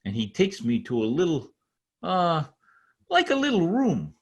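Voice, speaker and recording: He's an earnest immigrant tradesman in a radio play, speaking simple, halting English with a foreign accent. His husky, high voice swings widely with proud excitement and unhurried pacing, exaggerated in old-time radio comedy style, sounding elated and proud.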